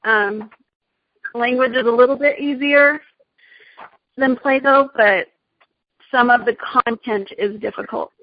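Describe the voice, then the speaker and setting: A woman's voice: a little high, a little slow, pauses often, no echo. A woman teacher answering questions in a casual discussion, friendly and often hesitating with fillers. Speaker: teacher giving advice. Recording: dull dry lo-fi sound.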